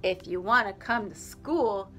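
A woman voicing an eager, well-meaning young male shark in a storybook, speaking earnestly in slow sing-song rhymes. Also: mid-range voice, pushed and bright, faint music behind.

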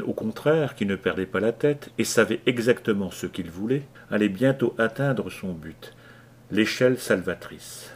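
Husky low-voiced male reader. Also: a little mellow. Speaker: audiobook reader. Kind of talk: scripted narration.

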